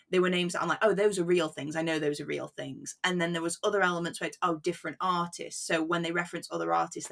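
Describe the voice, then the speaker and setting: A woman with a low, gravelly voice talks casually about books as a podcast guest. She is lively and chatty, with frequent laughs. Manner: chatty and animated, laughs often. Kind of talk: casual book chat.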